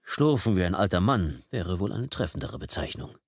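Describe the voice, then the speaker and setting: A man's voice: low voice, very animated, normal speed, husky, dry recording. A man reading a thriller audiobook in a tense, dramatic storytelling manner from a close studio microphone. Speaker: audiobook narrator. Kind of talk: scripted audiobook narration.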